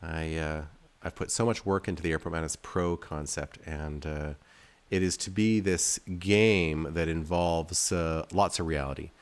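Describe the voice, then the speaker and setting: With a smooth bass voice, fairly even intonation and a slightly slow delivery, he speaks with hardly any pauses. The speaker, a developer playing his own game on video, gives casual commentary, rambling and thinking aloud in a self-deprecating way.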